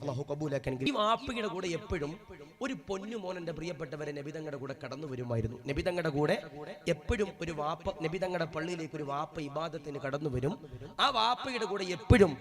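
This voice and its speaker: A preacher from Kerala giving an impassioned devotional sermon in a rhythmic, repetitive sing-song style at a live gathering. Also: male voice, fairly high pitch, fast. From Kerala, India. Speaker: Islamic preacher. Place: live religious gathering with seated audience. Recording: live event recording with audible crowd. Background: crowd of listeners.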